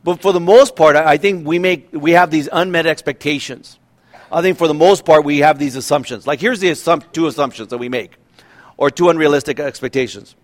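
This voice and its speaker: A man in his fifties preaches in an easy, conversational way. His voice sits a little high for a man, and he keeps asking his listeners questions and restarting his sentences. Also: brisk. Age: 50s. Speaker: pastor. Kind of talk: sermon.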